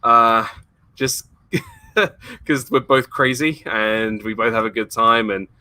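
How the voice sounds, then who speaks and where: A man's voice: medium pitch, steady tone, slow pace, pushed and bright. A man being interviewed on a casual livestream, talking enthusiastically and rambling with frequent laughs. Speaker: guest, YouTuber and former theme park worker.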